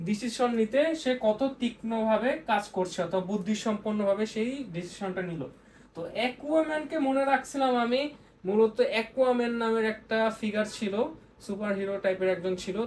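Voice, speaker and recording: A woman's voice: a little high, darkish tone. A young woman giving a casual vocabulary lesson in a chatty way, repeating words as she explains them. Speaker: vocabulary tutor. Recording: faint background noise.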